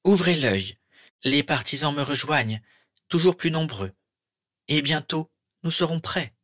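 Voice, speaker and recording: A man voicing a cold, menacing dark wizard with a high, silky, hissing voice. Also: animated, dry recording, studio quality. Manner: slow, honeyed, threatening. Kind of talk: audiobook character voice.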